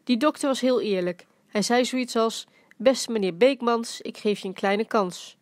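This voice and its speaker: A woman's voice: fairly high pitch, unhurried, dry recording, lightly acted. A woman reading the lines of a playful, teasing old grandfather who jokes in rhymes, in her own voice. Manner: dry joking, rhyming quips.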